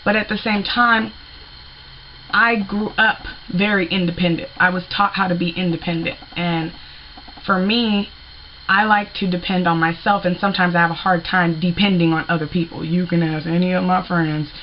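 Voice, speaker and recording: Blunt, animated woman ranting to camera. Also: on the low side, moderate pace, lo-fi sound, a little hiss or hum. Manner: animated, blunt, colloquial with playful asides. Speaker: vlogger. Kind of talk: casual rant to camera.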